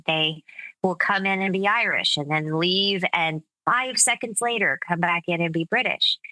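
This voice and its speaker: Woman, speech coach, interview guest; unhurried, bright tone, measured and explanatory, dry close recording. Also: fairly low pitch, no room sound, low-quality recording. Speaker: speech coach and accent specialist. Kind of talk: conversational interview.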